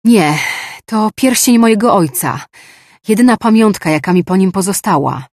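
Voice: medium pitch, lively intonation, moderate pace, darkish tone, no echo, studio quality, pitched above the performer's own voice. A narrator voicing a frightened, defiant young woman who pleads in panicked outbursts in an audiobook. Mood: pleading, panicked. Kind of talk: audiobook dialogue.

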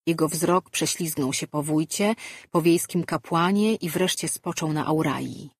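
A woman narrating a fantasy audiobook in an even, measured reading. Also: low voice, husky, no room sound, clean studio sound.

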